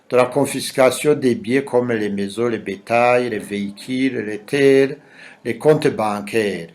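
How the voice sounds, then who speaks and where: Burundian guy giving testimony, slow steady listing of places, normal pitch. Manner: measured, listing names and places one by one. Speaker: human rights defender giving testimony. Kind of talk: read testimony.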